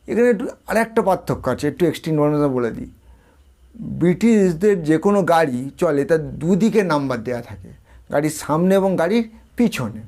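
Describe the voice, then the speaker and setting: A man's voice: a little high, a little mellow. Man teaching English words. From India. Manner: explains each term, then repeats it and quizzes the viewer. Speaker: English tutor. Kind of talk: spoken language lesson.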